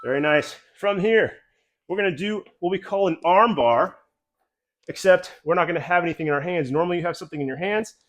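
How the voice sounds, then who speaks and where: A man leads a mobility warm-up while doing each move himself, so his breath runs a little short. His voice sits fairly high for a man, and he talks viewers through it in a calm, encouraging way. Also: a little fast. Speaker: mobility coach. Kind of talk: guided exercise instruction.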